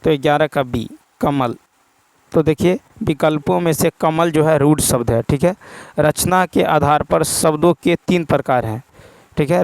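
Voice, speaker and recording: A man with a slightly high, somewhat mellow voice, an exam prep teacher, goes over practice exam answers one by one, repeating each key term and asking himself the answer. He reads the English questions slowly, word by word. The recording is rough, with no room sound.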